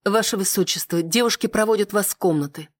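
A woman's voice: medium pitch, quick pace, no room sound, studio quality, pitched above the performer's own voice, close to an everyday voice. A reader voicing a nervous young noblewoman in an audiobook, speaking politely and hesitantly. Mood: anxious politeness. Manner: hesitant, courteous.

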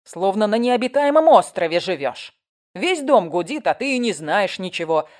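A nosy older woman neighbor, voiced by a woman narrator, all exclamations and scolding in a shrill, animated voice. She talks over everyone, with a lively melody. Pure storybook gossip. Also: normal speed, natural voice.

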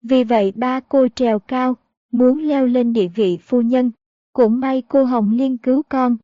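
A woman's voice: sits high, steady tone, measured pace, dry recording, lo-fi sound. A woman reading the part of a noble middle-aged mother who earnestly lectures her son in an audiobook. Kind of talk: audiobook narration.

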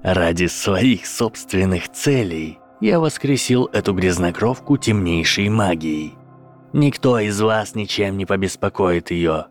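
A man reading a menacing dark lord in a very deep, unhurried voice. The tone stays cold and quietly amused, with a faint bed of music underneath. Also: lively intonation. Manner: slow, low and deliberate.

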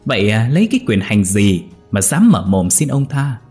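A man's voice: fairly high pitch, very animated, moderate pace, darkish tone, soft background music, pitched above the performer's own voice. A man voicing a spiteful senior wife of a wealthy house, sneering and scolding. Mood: scornful.

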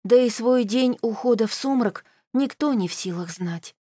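A woman narrating an audiobook in the first person with expressive storytelling. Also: on the high side, moderate pace, breathy edge, dry recording, clean studio sound.

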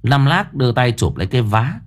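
A man narrating an audiobook story in a dramatic, expressive storytelling manner. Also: mid-range voice, fairly quick.

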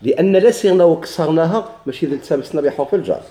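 Moroccan male teacher, raised pitch, mellow tone, quizzes and answers himself. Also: animated, roomy sound. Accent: Moroccan Arabic. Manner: asks questions and answers them himself; repeats key words slowly for emphasis. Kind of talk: grammar lesson in dialect.

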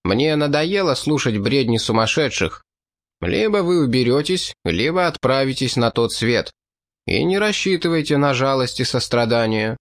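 A man's voice: mid-range voice, animated, moderate pace, dry recording, close to an everyday voice. A man reading an audiobook, voicing a hard, ruthless French marquis who speaks in a blunt, ironic and contemptuous way. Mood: scornful.

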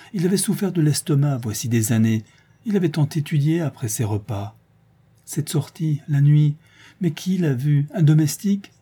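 A man's voice: on the high side, mellow, breathy edge, voice pushed up. A man voicing a desperate middle-aged mother who pleads and protests to defend her accused son. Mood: pleading. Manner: pleading, indignant, breaking into cries.

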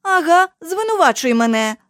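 A woman voicing a lively, dreamy young girl who is a mystical being, with an eager, exclaiming way of talking. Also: high voice, measured pace, dry recording, clean studio sound. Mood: curious.

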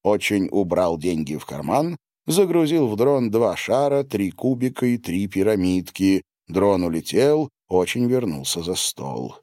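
A man narrating an audiobook with an expressive reading. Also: low voice, measured pace, no echo, studio quality.

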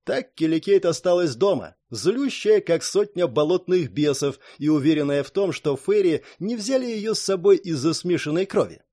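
A man reads fantasy fiction aloud with expressive storytelling. His voice sits a touch high for a man and moves through a wide pitch range. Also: normal speed, few pauses. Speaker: audiobook narrator. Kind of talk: expressive fantasy audiobook narration.

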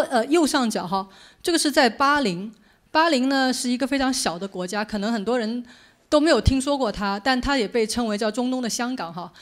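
A woman speaker giving an informal public lecture in a conversational, explanatory way. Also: on the high side. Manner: conversational, explanatory, poses questions to listeners. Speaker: journalist giving a book talk.

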